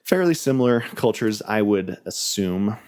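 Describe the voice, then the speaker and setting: A man's voice: on the low side, lively intonation, moderate pace, darkish tone. A man speaking as a podcast guest in a loose, rambling way, restarting his sentences and leaning on fillers. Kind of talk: casual podcast chat.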